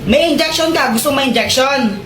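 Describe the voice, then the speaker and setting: A woman's voice: high voice, fairly quick, a bit bright, echoey room, a little hiss or hum. A woman voicing a scolding mother in a comedy skit, nagging her child.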